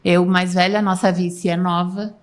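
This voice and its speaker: A woman's voice: lowish voice, flat delivery, unhurried. A woman in her fifties, a team president talking casually as a podcast guest, rambling and restarting her sentences. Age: 50s.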